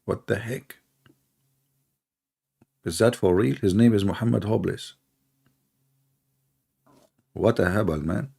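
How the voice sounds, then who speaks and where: Gravelly, husky older man. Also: on the low side, takes it slowly, long pauses, warm tone. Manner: sarcastic, mocking, rambling with many fillers. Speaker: host. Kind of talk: casual monologue.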